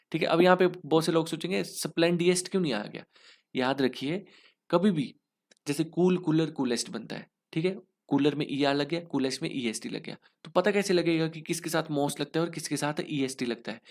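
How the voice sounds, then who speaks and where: With a fairly high pitch and a slightly quick pace, a young Indian-accented man teaches an exam lesson in Hinglish. He takes each answer step by step, asking questions and answering them on his own.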